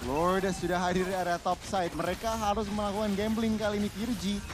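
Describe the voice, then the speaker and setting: A high-voiced Indonesian man calls an esports match play by play. His delivery is that of a dramatic fighting game announcer, peppered with English catchphrases. Music plays lightly behind his commentary. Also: little pitch movement, a little fast. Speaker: esports shoutcaster. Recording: background music under the voice.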